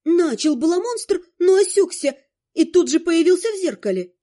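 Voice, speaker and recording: A woman reads a fantasy novel in the first person, with a high, soft and mellow voice. Her reading is expressive and animated, with dialogue brought to life. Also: moderate pace. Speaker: audiobook narrator.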